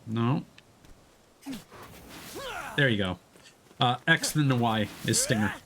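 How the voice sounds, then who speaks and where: Over game music and crowd noise, a man with a mid-range voice speaks slowly as he thinks out loud during casual live game commentary. He's using a streaming mic with headphones.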